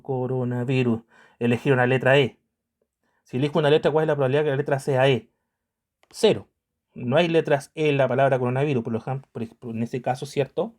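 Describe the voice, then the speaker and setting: A man's voice: medium pitch, a little mellow. Patient man teaching a math lesson. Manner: patient, checks in constantly with tag questions.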